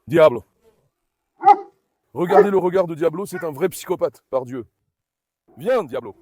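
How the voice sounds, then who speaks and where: A man hosting a dog vlog, giving running commentary to viewers and repeatedly calming his dogs with soothing commands. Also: on the high side, unhurried, no echo. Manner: talks directly to viewers as friends. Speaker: dog owner and channel host.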